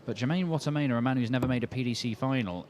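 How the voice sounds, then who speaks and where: Male live darts commentator, analytical and measured, medium pitch, noisy clicking background. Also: darkish tone.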